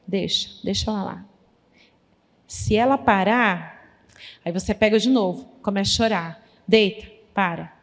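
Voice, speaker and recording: A woman pedagogue giving a lively talk at a church conference, speaking straight to the audience and acting out little conversations. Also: mid-range voice. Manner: lively, addresses audience directly; acts out quoted conversations. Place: church hall. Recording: long reverb of a large hall.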